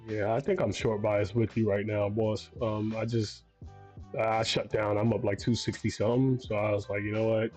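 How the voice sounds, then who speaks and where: A man's voice: fairly low pitch, level tone, normal speed, a little mellow, faint music behind. Laid-back man losing his voice. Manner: laid-back, swears casually. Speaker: trading stream host. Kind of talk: casual trading chat.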